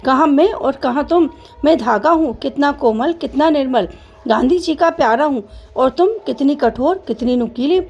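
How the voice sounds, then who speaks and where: A woman's voice: sits high, normal speed, a little mellow, lo-fi sound, faint music behind. A woman voicing a proud, boastful boy who is a sewing thread in a children's story, bragging in a singsong way. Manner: boastful, singsong self-praise.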